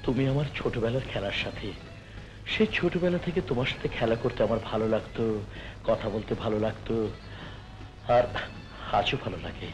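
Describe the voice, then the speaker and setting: A man's voice: mid-range voice, a little fast, pauses often, soft background music, close to an everyday voice, rough recording. A young actor playing an earnest youngest brother in a melodramatic film, pleading with his family and tender with the woman he loves. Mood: shy. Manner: pleading, then shy and tender.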